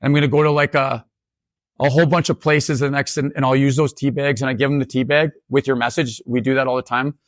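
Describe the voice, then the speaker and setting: An educator from northern Saskatchewan gives an animated storytelling keynote, often restarting and acting out dialogue. He has a mid-range voice and talks fast, in a dry recording with clean studio sound.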